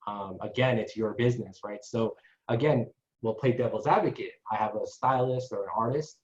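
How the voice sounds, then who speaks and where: A man's voice: on the low side, normal speed, darkish tone. A man giving a casual marketing webinar to salon owners, chatty and constantly checking in with the listeners. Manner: chatty, tags sentences with "right?". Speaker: marketing consultant presenter. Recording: echoey dull lo-fi online call.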